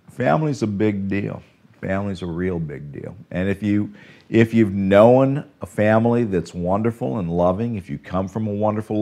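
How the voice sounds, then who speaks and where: An older pastor with a lowish voice preaches a sermon whose content is earnest and warm. He swings between emphatic lines and soft, drawn-out phrases.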